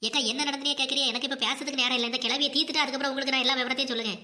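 A woman with a Kanyakumari Tamil accent voicing a hot-tempered young daughter-in-law in a cartoon comedy, combative and shouting threats. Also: high-pitched, steady tone, rapid-fire, a little hiss or hum. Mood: furious.

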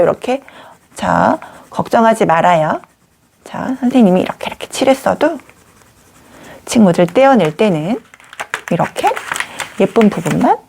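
A woman teacher leading a craft lesson for young children, talking gently in a sing-song way. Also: mid-range voice, gravelly.

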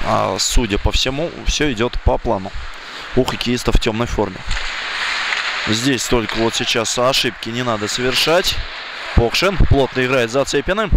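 Male hockey commentator over loud rink noise. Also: mid-range voice, moderate pace. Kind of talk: live play-by-play sports commentary. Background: indoor ice rink ambience.

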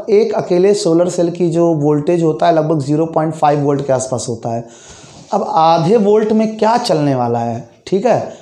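Young male physics teacher, high-pitched and mellow, fast explanatory lecture, echoey room. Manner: fast-talking, explains with everyday examples and frequent check-ins. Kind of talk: classroom lecture.

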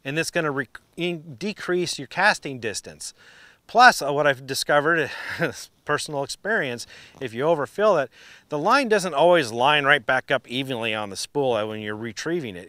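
A man's voice: medium pitch, no room sound. A middle-aged man giving a casual, folksy how-to explanation as a fishing instructor. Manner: excited and exclaiming on the water, chatty and folksy when explaining. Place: outdoors on a fishing boat on a lake for the catch; indoor studio backdrop for the tips.

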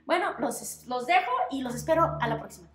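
A woman with a Mexican accent, reading her own story aloud in a lively, expressive way. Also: sits high, brisk. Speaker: storyteller and author. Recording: echoey room.

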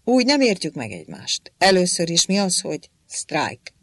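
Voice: mid-range voice, wildly swooping pitch, no room sound. A narrator voicing a stern male archangel commander who snaps demanding questions in an audiobook. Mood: probing.

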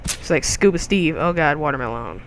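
A young man hosting a gaming video, giving jokey, excitable commentary with crude outbursts as he plays. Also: fairly high pitch, normal speed. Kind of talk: gameplay commentary.

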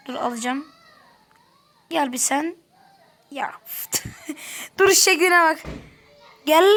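A woman giving casual let's-play commentary, chatty, grumbling and talking to the characters on screen. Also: high voice. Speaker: gameplay commentator.

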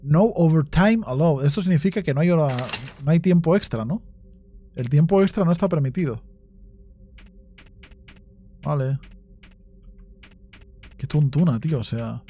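Jumpy Spaniard narrating a horror game. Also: male voice, a little high, lively intonation, moderate pace, long pauses, warm tone, husky. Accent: Spain Spanish. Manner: jumpy, swears, talks to himself. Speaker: gaming YouTuber. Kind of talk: horror game let's play commentary.

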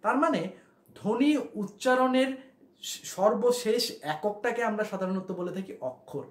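A man's voice: high-pitched, normal speed, echoey room, poor audio. A man teaching a grammar lesson, who explains step by step, repeats key points and asks his listeners questions. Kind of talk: classroom lesson explaining at a board.

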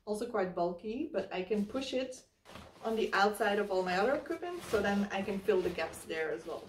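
A woman's voice: medium pitch, expressive, a little fast, a little hiss or hum. Woman in her 30s talking thru packing her hiking bag, step by step, echoey room, mic kinda far off. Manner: chatty, explains step by step while packing. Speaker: hiking vlogger. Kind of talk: casual how-to walkthrough. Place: living room, indoors. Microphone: camera mic from across the room. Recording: roomy, slightly distant camera sound.

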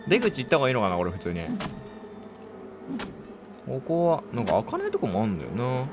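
A man casually commentating his playthrough of a horror game, chatty and quick to react with exclamations. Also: medium pitch, huge pitch swings, noisy background.

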